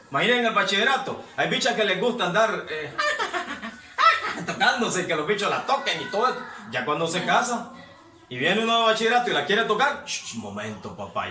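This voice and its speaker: A man preaching a sermon to his congregation, exhorting and asking them questions, his voice rising to shouts. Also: high voice. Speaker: pastor. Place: church hall. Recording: echoey hall, mic far off.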